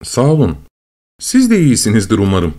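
A man's voice: fairly low pitch, wildly swooping pitch, warm tone. A man doing a hesitant absent-minded inventor. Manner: hesitant, halting, flustered.

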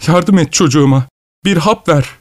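A man voicing a desperate young village mother who pleads for her sick child, distraught and shrill. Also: normal speed, darkish tone, natural voice. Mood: pleading.

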